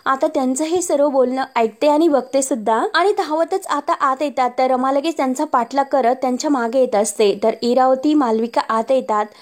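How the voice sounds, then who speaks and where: Woman narrator, high voice, steady episode-recap voice-over, links each story beat with "and now". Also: moderate pace, hardly any pauses. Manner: steady storytelling, linking every step with "and now". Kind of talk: retelling a serial episode, quoting characters.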